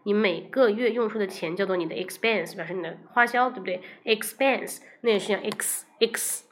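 A woman teaching English vocabulary on a livestream, with a voice of middling pitch. She talks through her method in Chinese, drops English phrases into her sentences, and slows down to sound out words one syllable at a time. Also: slight background noise. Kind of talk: livestream lesson.

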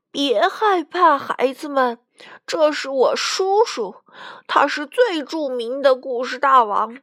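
A frail, weary old grandfather storyteller, voiced by a woman reading aloud, talks in slow, sighing phrases. The voice swings widely in pitch. The recording is close and dry. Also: a bit bright, no echo, heavily acted. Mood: earnest.

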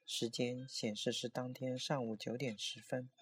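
A man narrates a horror story in a steady, measured storytelling voice at a middle pitch. Faint music plays underneath the reading. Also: husky.

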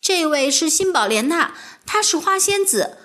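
A woman's voice: very high voice, very animated, normal speed, a bit bright, voice pushed up, heavily acted. A woman voicing an earnest, impulsive young girl in a read-aloud storybook, with an eager, emotional delivery.

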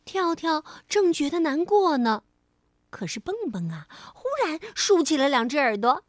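A woman storyteller reading a children's story gently and slowly. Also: high voice, sing-song, no echo, clean studio sound. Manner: gentle, slow, soothing narration.

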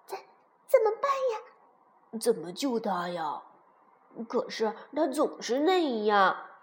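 A woman's voice: mid-range voice, big pitch swings, slow. A woman voicing small baby ankylosaur siblings who stammer and protest in a children's storybook.

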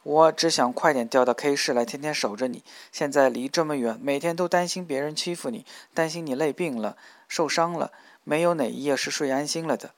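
A man voicing a tender, protective young man in an audiobook, speaking low and earnestly. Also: fairly quick, hardly any pauses, no echo, lightly acted.

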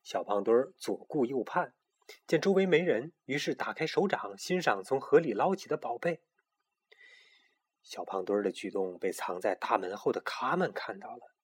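一个男人在讲儿童故事，语气生动有表情。. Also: male voice, medium pitch, moderate pace, slightly rough. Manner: lively, expressive storytelling. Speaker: storyteller. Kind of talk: children's story narration.

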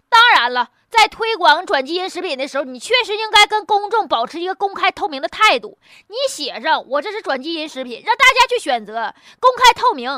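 A woman's voice: very high voice, pushed and bright, dry recording, clean studio sound. A woman with a Northeastern Chinese accent giving casual, humorous news commentary in a blunt, mocking, colloquial way full of rhetorical questions. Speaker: host.

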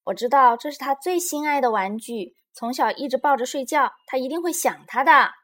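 A woman's voice: high-pitched, lively intonation, brisk, a bit bright, pitched above the performer's own voice. A woman voicing a bossy, bragging young girl in a children's storybook. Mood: kind. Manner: bossy, commanding.

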